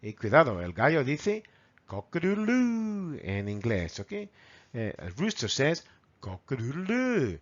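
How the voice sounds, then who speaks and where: A man with a Spanish accent from Spain teaching English vocabulary to children, repeating words slowly and mimicking animal sounds. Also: lowish voice, sing-song, highs cut off. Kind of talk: bilingual vocabulary lesson.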